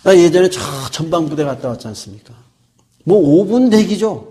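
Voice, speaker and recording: A man's voice: sits high, animated, normal speed, mellow. A middle-aged man preaching a sermon as pastor. He asks the congregation questions, answers them himself and repeats key words for emphasis.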